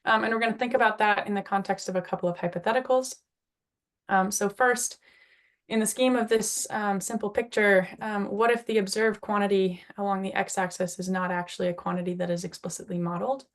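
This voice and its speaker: A woman with a gritty, slightly hoarse voice that is partly giving out, giving an informal, explanatory scientific presentation. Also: medium pitch, fairly even intonation, a little fast. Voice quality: gravelly, gritty voice. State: slightly hoarse, losing her voice. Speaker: invited speaker, climate researcher.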